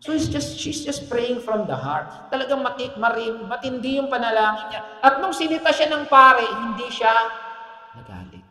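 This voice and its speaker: A man's voice: extremely high pitch, sing-song, normal speed, bright, forceful tone. A man preaching a sermon as pastor in a church hall, talking to the congregation in a conversational way and often asking them "Amen?". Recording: echoey hall with long reverb.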